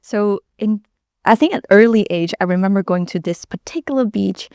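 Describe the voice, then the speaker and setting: A woman in her thirties from Hong Kong, a company founder telling her story in a measured, thoughtful way on a panel. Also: mid-range voice, darkish tone, clean tone, no room sound, studio quality. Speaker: startup founder and CEO. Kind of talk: panel conversation.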